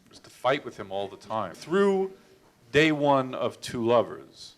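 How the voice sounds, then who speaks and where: A man's voice: mid-range voice, big pitch swings, measured pace. A male director chatting through stories in front of an audience, voice in an ordinary middle range. He often trips over his words and restarts them. His humor turns against himself. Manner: anecdotal, self-deprecating, restarts with stammered repeats. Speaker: film director. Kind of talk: storytelling talk at a public Q&A.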